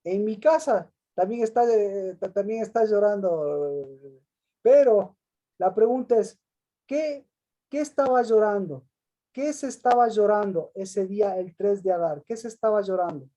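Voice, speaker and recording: A man's voice: high voice, lively intonation, unhurried, mellow. A male pastor giving an interactive Bible lesson who reads scripture aloud, asks questions, calls on people by name and repeats their answers back.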